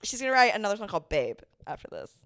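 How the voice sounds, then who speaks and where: A young woman co-hosting a pop culture podcast, chatting casually with quick quips and offhand swearing. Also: mid-range voice, sing-song, a bit bright, no room sound, clean studio sound. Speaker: podcast co-host. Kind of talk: casual chat.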